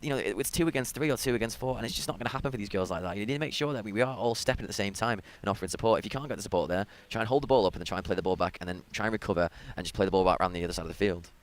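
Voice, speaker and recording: A man's voice: on the low side, rapid-fire, few pauses. A man with a British accent giving analytical color commentary on a college soccer match, explaining tactics in a coaching tone with many fillers. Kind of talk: live sports commentary.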